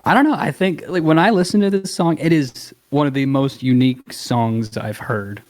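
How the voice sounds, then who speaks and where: A man's voice: a little high, moderate pace, darkish tone. A man who is a guest musician, chatting casually and laid-back, laughing often and hedging his words. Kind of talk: casual interview chat.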